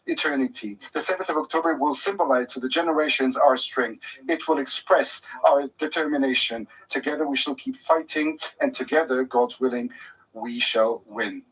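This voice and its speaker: A man heard as a live interpreter, rendering a speech into English in short, formal phrases. His voice is husky and mid-pitched, set a little back from the mic. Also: moderate pace, a bit bright, poor audio. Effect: live interpreter voice translating a speech. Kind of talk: simultaneous interpretation clip in a news bulletin.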